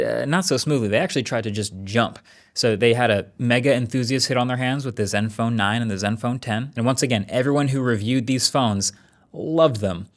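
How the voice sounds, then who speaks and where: A man giving conversational tech commentary as a video reviewer, casual and wryly understated, with deliberate emphasis. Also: medium pitch.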